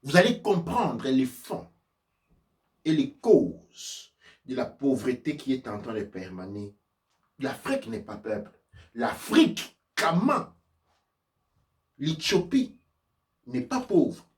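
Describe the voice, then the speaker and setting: This preacher and spiritual teacher from sub-Saharan Africa speaks in a mid-range voice with huge swings in pitch, moving slowly and pausing often. His fervent, lecture-like sermon leans on rhetorical questions and repeated, emphatic points, heard from a distant mic in a reverberant space.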